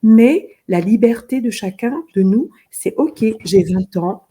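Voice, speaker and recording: A middle-aged woman from Benin, a fashion designer, speaks earnestly in an interview, slowly and with lively intonation. Her husky voice is on the high side yet dark in tone, and she often repeats words while searching for them.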